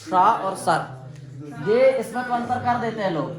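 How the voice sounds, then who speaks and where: A man's voice: high voice, unhurried, over music. Echoey male teacher drilling Sanskrit sounds. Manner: drills students on pronunciation, asks them to repeat. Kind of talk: classroom lesson. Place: indoor classroom.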